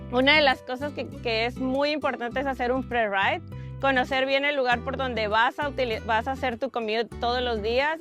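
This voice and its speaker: A young woman from Monterrey, Mexico, calmly answering interview questions. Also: high-pitched. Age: young adult. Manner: calm, practical, with fillers. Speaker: interview guest. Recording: faint music underneath.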